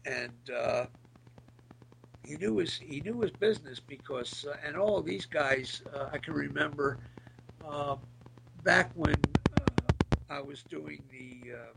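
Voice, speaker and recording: A middle-aged man with a raspy, gravelly, gritty voice, reminiscing casually as an interview guest in a halting, searching way. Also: medium pitch, background noise. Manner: halting, hesitant, searching for words. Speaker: podcast guest, former military band musician.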